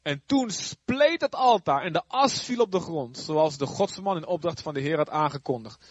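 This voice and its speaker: A man teaching a Bible story in a casual, animated way, acting out the characters' lines. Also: fairly high pitch, normal speed, no room sound, muffled recording. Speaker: youth preacher.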